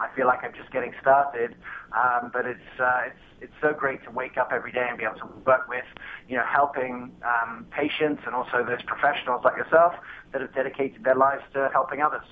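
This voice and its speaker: A man's voice: medium pitch, creaky. A man in his thirties from England, a guest answering interview questions in a casual, hesitant way with many fillers and restarts. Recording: tinny phone line with faint noise.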